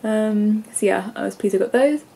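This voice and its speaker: A young English woman in her twenties, congested with a stuffy nose, vlogs casually from her bedroom, rambling with lots of ums and likes to a camera held at arm's length. Her medium-pitched voice has vocal fry and a warm, slightly rough tone at a moderate pace, on a low-quality recording.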